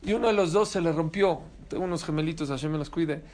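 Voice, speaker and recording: A man teaching a Torah class as a rabbi, animated and emphatic, often putting questions to his listeners. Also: on the high side, fast talker, slight background noise. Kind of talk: sermon.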